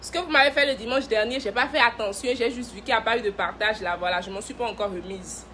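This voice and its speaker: A woman's voice: on the high side, quick pace, pushed and bright, a little hiss or hum. A woman who directs a cosmetics brand, hosting a casual live stream, playful and teasing, laughing often and greeting viewers by name.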